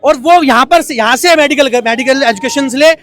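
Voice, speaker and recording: A man reporting live from an outdoor street protest and interviewing protesters, talking with growing indignation that turns loud and impassioned. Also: extremely high pitch, moderate pace. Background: faint protest crowd.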